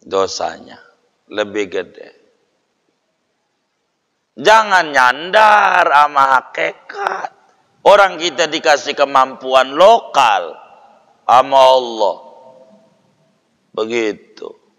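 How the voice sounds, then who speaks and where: A man's voice: on the high side, lively intonation, takes it slowly, pauses often, a bit bright. A man giving an informal religious lecture. He speaks plainly and acts out quoted people in a raised voice. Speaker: preacher. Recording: long hall reverb.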